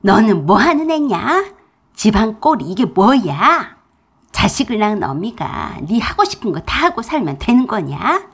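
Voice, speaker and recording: A woman voicing a domineering older mother-in-law in a radio drama, who scolds in a loud, bossy voice and talks down to people. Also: medium pitch, sing-song, unhurried, gravelly, slightly rough, heavily acted. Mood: scolding.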